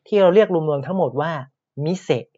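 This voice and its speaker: Man teaching a language slowly. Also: fairly high pitch, dark tone, lo-fi sound. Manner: explains patiently, repeats words slowly. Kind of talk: podcast language lesson.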